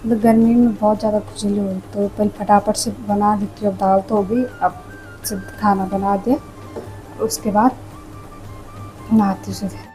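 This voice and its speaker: A woman's voice: mid-range voice, poor audio. A young woman chatting casually to her viewers while she cooks at home. She is hot and itchy from the heat and keeps calling her audience "friends". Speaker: home vlogger. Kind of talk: casual home cooking vlog narration. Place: home kitchen. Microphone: clip-on mic.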